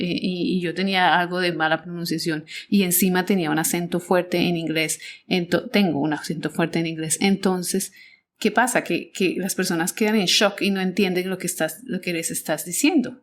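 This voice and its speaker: A Colombian woman with a Colombian accent, hosting a podcast and reflectively recounting her first year as a teacher, often repeating words and restarting phrases. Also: on the low side. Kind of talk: personal storytelling podcast.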